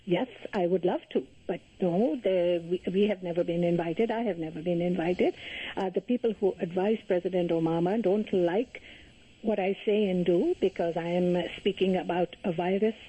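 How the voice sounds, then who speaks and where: An older woman from Pakistan speaks earnestly in measured sentences, pausing often on fillers. Her voice is husky and mellow. It arrives over a dull, muffled phone line. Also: on the low side. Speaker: guest. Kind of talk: phone-in radio interview.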